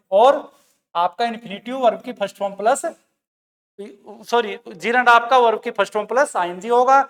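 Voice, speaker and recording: Teacher in an echoey room. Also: male voice, very high voice, a bit bright. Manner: explains step by step, repeating words, calls students "bhai" and "beta". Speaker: English grammar teacher. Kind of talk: classroom grammar lesson.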